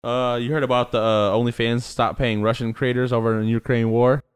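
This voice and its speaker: A man's voice: medium pitch, little pitch movement, a little fast, clean tone. A young man co-hosting a podcast, crude and rambling as he teases in casual chat. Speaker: podcast co-host.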